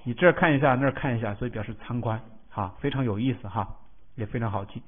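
A male teacher walks through English vocabulary in a recorded lesson, breaking words into roots and spelling out their letters. His voice sits at an ordinary middle pitch, and he often pauses to ask a checking question. The audio is thin and tinny, like a phone line. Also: slightly rough.

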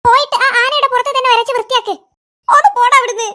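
A woman voicing excitable, bickering cartoon children. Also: very high-pitched, fast. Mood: excited. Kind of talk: cartoon voice acting.

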